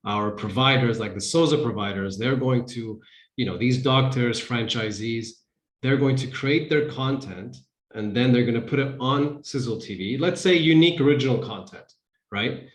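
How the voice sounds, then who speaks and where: A man's voice: medium pitch, moderate pace, reverberant, rough recording. A man hosting a casual business interview over a video call, thinking aloud with restarts. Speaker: host.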